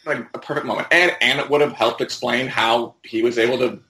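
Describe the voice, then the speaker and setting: A man on a podcast panel giving casual opinions in a halting, emphatic way, repeating his words. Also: medium pitch, steady tone, sharp tone. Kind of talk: casual opinionated fan discussion. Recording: echoey room.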